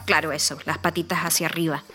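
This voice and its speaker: A woman reading a children's story aloud in an expressive, playful way. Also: low voice, fast, soft background music.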